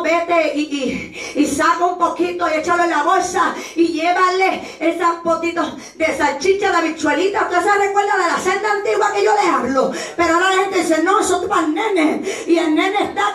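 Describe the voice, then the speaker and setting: A woman evangelist delivers a fiery Pentecostal sermon in a very high voice, often breaking into shouts. She is heard from some distance in an echoey church hall. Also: normal speed, few pauses. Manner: impassioned, shouting at peaks, acts out voices of others. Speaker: evangelist preacher.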